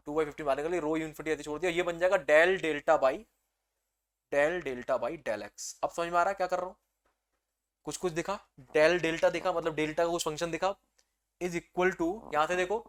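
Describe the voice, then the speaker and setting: With a fairly high-pitched voice, a male teacher works through exam-focused engineering material. He calls his students "beta," supplies answers to his own questions, and swings energetically into loud excitement.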